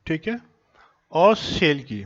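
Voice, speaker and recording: Slow-talking man with a sore throat. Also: a little high, big pitch swings, dull audio. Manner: speaks deliberately slowly, dictating as he writes. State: sore throat and chest, coughing. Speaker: accounting teacher. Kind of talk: slow classroom lecture while writing.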